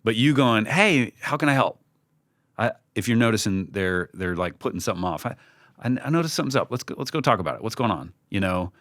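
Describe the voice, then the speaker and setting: A man talks informally and candidly as a team leader in a podcast interview, frequently acting out bits of conversation he's quoting. His voice is fairly low and fairly bright, with lively intonation and a quick pace, in a dry, studio-quality recording without room sound.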